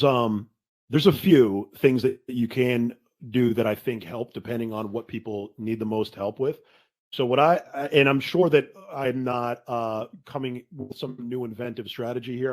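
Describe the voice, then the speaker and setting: A man hosting a casual podcast conversation, telling stories in an animated way and saying "dude" a lot. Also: medium pitch, moderate pace.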